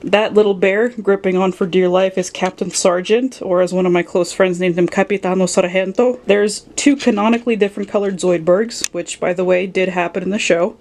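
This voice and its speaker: Brisk with few pauses, a young woman from Philadelphia, USA, tours her indoor sewing room and office at home in casual narration. Her medium-pitched voice has fairly even intonation and a darkish tone; she's playful and affectionate as a collector, joking dryly about her toys.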